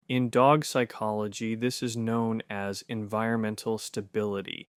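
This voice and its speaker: A man giving scripted narration for an explainer video, punchy and conversational with quick rhetorical questions. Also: fairly low pitch, smooth, dry recording, clean studio sound.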